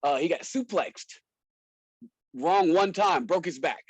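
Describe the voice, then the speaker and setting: Taking his time, a husky-voiced wrestler and show promoter tells stories in a podcast interview, casual and slangy with lots of laughing. His voice is a little high, and the recording is dry and rough.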